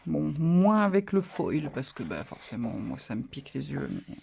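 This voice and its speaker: A papercraft channel host chatting casually through a haul of paper pads, relaxed and hesitant. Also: mid-range voice, moderate pace, gravelly, slight background noise. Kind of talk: casual haul show-and-tell.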